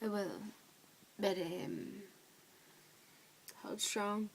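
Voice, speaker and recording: Drunk woman rambling slowly. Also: mid-range voice, steady tone, a little hiss or hum. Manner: halting, drifting, sweary. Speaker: vlogger. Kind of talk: rambling casual confessional to camera.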